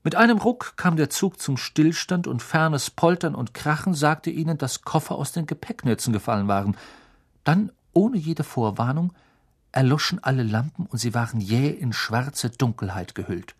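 A man narrating an audiobook in a lively, dramatic reading style. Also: medium pitch, normal speed, husky. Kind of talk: scripted narration.

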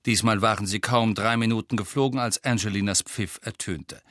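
A man narrating an audiobook in a lively, expressive reading style. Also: on the low side, moderate pace, dry recording, studio quality. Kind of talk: scripted narration.

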